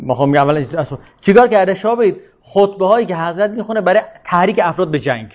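A man with a high, expressive voice leads an informal religious lecture and discussion, captured in lo-fi sound. He talks discursively, repeating his points and posing rhetorical questions.

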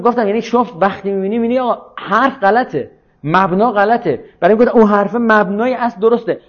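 High-voiced man arguing in a lecture. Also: highs cut off. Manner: argumentative, checks listeners follow with rhetorical questions. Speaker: speaker on religion and politics. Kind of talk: informal lecture.

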